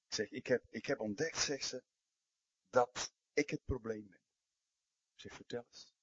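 A man preaching a sermon and telling stories, dropping to a hush and then rising to emphatic outbursts. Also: mid-range voice, a little slow, lo-fi sound, a little hiss or hum. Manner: storytelling, swings from hushed to emphatic.

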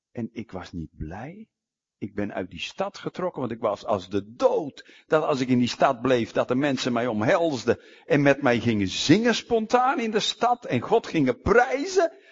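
Man doing an angry, sulking prophet, loud and indignant, husky, swinging pitch, dull lo-fi sound. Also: heavily acted. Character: sulking prophet Jonah, male, angry and self-pitying. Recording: dull lo-fi recording.

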